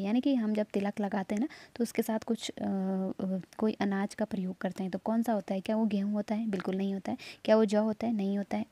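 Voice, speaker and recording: A woman's voice: mid-range voice, dark tone, dry recording. A woman teaching an online exam-prep lesson, patiently explaining each answer step by step and checking in with tag questions.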